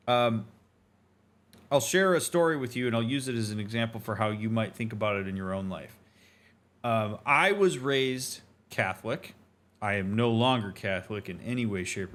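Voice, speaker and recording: A man with a mid-range, slightly bright voice streams a game and offers reflective commentary. He is a streamer and therapist host whose manner is earnest, emphatic, explanatory and conversational.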